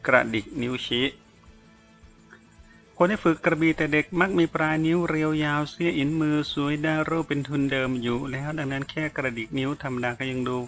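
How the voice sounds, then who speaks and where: Man reading a novel aloud, steady. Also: a little high, faint music behind. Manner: steady, measured storytelling. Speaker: audiobook narrator.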